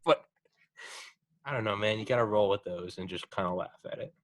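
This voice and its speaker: A young man hosting a podcast, chatting casually with a guest, swearing freely and telling stories with animated encouragement. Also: on the low side, brisk, no echo. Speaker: podcast host. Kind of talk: casual chat.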